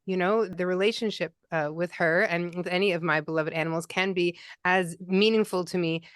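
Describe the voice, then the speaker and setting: A woman grief counselor speaks as a podcast guest in a gentle, validating way. Her voice is smooth and clear. The sound is dry and close, with no room behind it. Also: lowish voice, fairly even intonation, normal speed, dry recording. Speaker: pet loss grief counselor. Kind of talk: interview guest.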